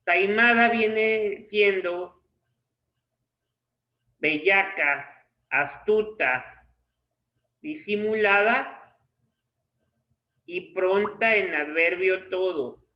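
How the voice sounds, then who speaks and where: A man teaching a literature class, reading his notes slowly in short phrases as if dictating to students. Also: high-pitched. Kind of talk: slow dictated lecture. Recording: echoey room, dull lo-fi sound.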